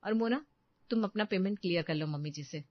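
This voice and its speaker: A woman's voice: medium pitch, a little fast, no echo, natural voice. A woman voicing a demanding young wife who whines and complains, in a dull, dry recording. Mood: sweet. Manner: whiny, complaining.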